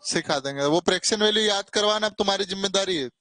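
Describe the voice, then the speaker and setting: A man's voice: sits high, fast, pushed and bright, a little hiss or hum. A man teaching maths to children in a classroom, coaxing and mildly scolding them as he works through problems. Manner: coaxing, mildly scolding, calls students "beta". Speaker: maths tutor.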